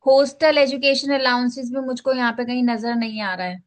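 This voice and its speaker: This teacher's fairly high voice stays fairly even and moves fairly quickly. Sharing her screen, she walks her students through each step of a tax filing form in Hindi sprinkled with English, often pausing to say "ठीक है".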